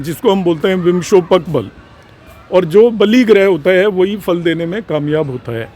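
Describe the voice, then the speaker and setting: A man's voice: high-pitched, darkish tone. A man giving a lecture on astrology, explaining slides step by step and repeating key points. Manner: explanatory, mixes English terms, repeats points. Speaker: astrology teacher.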